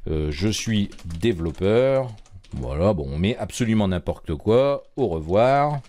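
Low-voiced man explaining code. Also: unhurried, a little hiss or hum. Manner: relaxed, chatty, many fillers and restarts. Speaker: programming course instructor. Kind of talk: screen-recorded coding tutorial.

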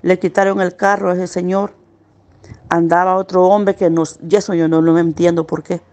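A middle-aged woman gives earnest, pained personal testimony as a witness, slowing down at the hardest parts. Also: fairly low pitch, flat delivery, a little mellow. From El Salvador. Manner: earnest, pained recounting, slowing at hard moments.

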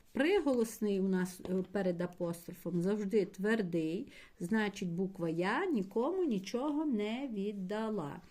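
A woman teacher talks her young pupils through a language lesson at an unhurried, deliberate pace. Her voice sits at an ordinary middle pitch, and she stretches words into syllables as she explains. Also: darkish tone. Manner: slow, patient explaining, addressing pupils directly. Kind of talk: primary school language lesson.

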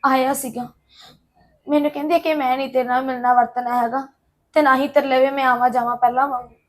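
A woman's voice: high voice, flat delivery, fast talker, natural voice. An actress playing a worried young married woman who pours out her anxieties to her aunt in a Punjabi drama. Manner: anxious, pleading.

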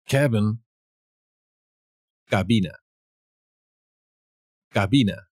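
A man from Spain with a Castilian accent, teaching a playful vocabulary lesson and repeating each word slowly with jokey asides. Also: on the low side, no echo, studio quality. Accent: Castilian Spanish. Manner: slow, deliberate word repetition with jokey asides. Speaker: language teacher.

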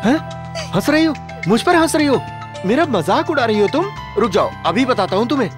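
A man's voice: fairly high pitch, sing-song, moderate pace. A flustered young lover in a dubbed film. He stammers nervously, and his voice jumps sharply up and down. Film music runs behind him. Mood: troubled. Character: flustered, jumpy young man in love. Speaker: film character.

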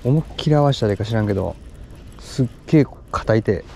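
Lively Kansai man fishing outdoors. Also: fairly low pitch, vocal fry, a little hiss or hum. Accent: Kansai Japanese. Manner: excitable, chatty, quick exclamations. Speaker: fishing vlogger. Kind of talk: casual commentary while fishing.

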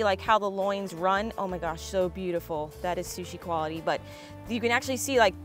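A young woman who hosts a fishing and cooking channel eagerly walks through each step as she fillets fish and prepares sushi. Her voice is medium-pitched and fairly bright.

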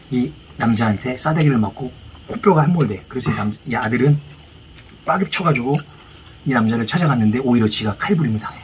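A man chatting casually as he retells a film story, acting out the dialogue in rough slang. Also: medium pitch, rough recording. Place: outdoor fishing spot. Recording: clear outdoor ambient noise.

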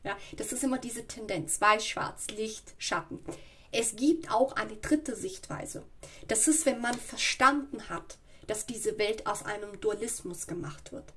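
At home beside her tarot table, a woman with a slight cold gives a spoken reading, explaining slowly and searchingly and often checking in with "ja" and "okay." Her voice is a little high, sharp in tone, and husky.

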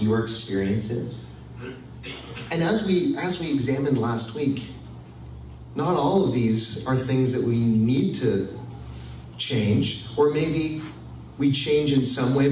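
Slow-speaking man preaching in an echoey hall. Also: medium pitch, darkish tone, recorded from a distance, slight background noise. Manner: slow, conversational, wry humor. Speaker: pastor. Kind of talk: sermon with audience participation. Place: church hall with audience.

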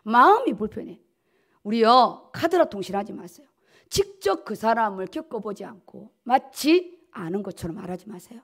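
Very animated, with a breathy edge to her medium-pitched voice, a middle-aged woman pastor delivers a sermon at normal speed. It's a dawn service in a church auditorium, and she stands at the pulpit with podium gooseneck mics, emphatically repeating key words for stress.

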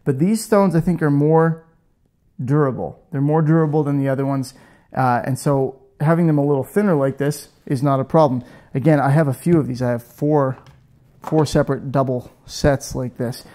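A man in his thirties hosts a woodworking channel, leading a casual demo in his garage workshop while wearing a lapel mic. His voice is a little high with a dark tone and a moderate pace, and he's chatty and pokes fun at himself.

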